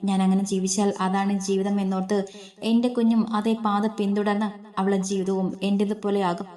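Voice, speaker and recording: A heartbroken young mother pleads through tears, her phrases halting and broken, as a woman narrator puts her on. The voice sits at an ordinary middle pitch. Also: level tone, warm tone, close to an everyday voice. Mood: tearful pleading.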